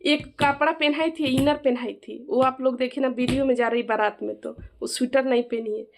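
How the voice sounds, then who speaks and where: A woman's voice: sits high, steady tone, normal speed. A middle-aged woman with an eastern Hindi accent from Jharkhand, talking heatedly in a family vlog and insisting others back her up. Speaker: vlogger and mother of the bride.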